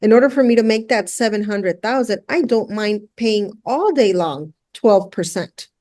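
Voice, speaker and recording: The speaker's dark, medium-pitched voice moves at a moderate pace as she tells her story conversationally in an interview. An earnest middle-aged luxury house flipper, she came to the United States from El Salvador at the age of six.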